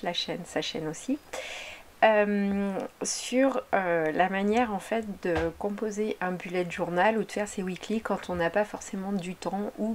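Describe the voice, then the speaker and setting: A woman's voice: mid-range voice, a little mellow. A woman talking casually over her craft video, chatty and meandering, often correcting herself mid-sentence. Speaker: craft vlogger.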